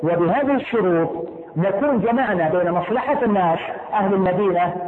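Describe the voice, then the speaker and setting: A high-pitched man talks fast as he teaches a classroom lesson. He restates each point and turns to his students with questions. The sound is tinny and phone-like, with a long echo from the room around him. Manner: explanatory, repeats key points, asks students questions.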